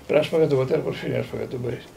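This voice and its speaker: A man in his sixties from Greece, a priest and theologian, recounting personal memories as a lively storyteller who quotes others and often repeats words. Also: medium pitch, vocal fry, slight background noise.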